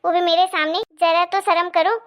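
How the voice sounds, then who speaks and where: Cartoon sister-in-law, bossy, sharp-tongued, high voice, a woman acting her. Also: fairly even intonation, normal speed. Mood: angry. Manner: sharp, scolding. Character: bossy, quick-tempered married sister-in-law.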